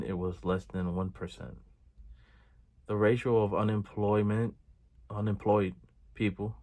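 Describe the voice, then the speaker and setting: A man with a fairly low voice hosts his own video channel. He reads figures and gives his views in a measured way, often pausing on fillers. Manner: measured reading with frequent filler pauses. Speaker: video host. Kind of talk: reaction commentary, reading statistics.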